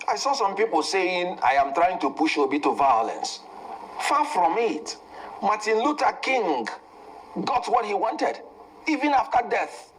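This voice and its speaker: Fiery Nigerian man, wildly swinging pitch. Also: a little hiss or hum, poor audio. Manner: fiery, swings from low and measured to shouting. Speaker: political guest. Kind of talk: impassioned political interview.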